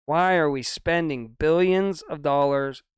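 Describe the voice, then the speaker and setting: A man's voice: fairly high pitch, a little slow, clear, resonant tone, no room sound, studio quality. An older man co-hosting a casual couch chat, rambling and grumbling his opinions. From United States. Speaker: co-host.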